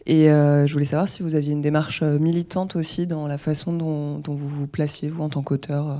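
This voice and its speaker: Moderator, flat even delivery, mellow tone, polite questions. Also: medium pitch, fairly quick. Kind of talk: moderating a public talk.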